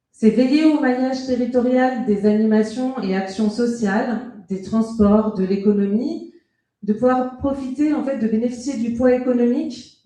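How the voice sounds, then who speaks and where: At a public meeting in an indoor hall, a woman serving as a local councillor gives a campaign speech. Her voice sits a little high yet sounds dark and gentle, and she delivers prepared remarks in a formal, measured way while the room echoes strongly.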